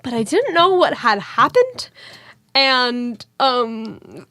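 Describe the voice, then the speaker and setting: A woman's voice: fairly high pitch, big pitch swings, slow pace, bright, forceful tone, dry recording, studio quality. A young woman hosting a podcast in casual chat, chatty and eager, prompting her guest to tell stories. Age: young adult. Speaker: podcast host.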